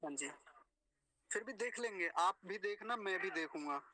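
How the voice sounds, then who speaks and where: A man teaching mantra pronunciation in an online class, repeating each word slowly, syllable by syllable, and chanting the full verse. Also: high-pitched, expressive, bright, forceful tone, no room sound. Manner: slow syllable-by-syllable chanting and repetition. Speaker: Sanskrit recitation teacher. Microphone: video call.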